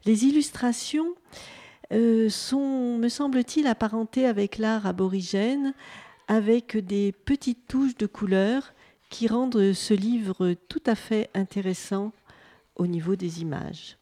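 A woman presenting a children's picture book and then reading it aloud with gentle, expressive storytelling. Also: a little high, slow pace.

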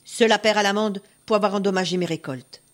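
A woman voicing a greedy, bullying male farmer who shouts and threatens. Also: mid-range voice, steady tone, a little fast, lightly acted. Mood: angry. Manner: shouting, scolding.

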